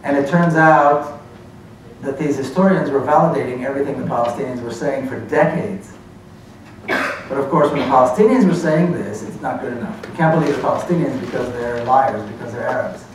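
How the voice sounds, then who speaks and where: An Israeli man in his forties, speaking with an Israeli accent, earnestly tells his story during a university lecture. His voice is medium-pitched and fairly quick, with slight background noise. The recording was made from far off in an echoey lecture hall.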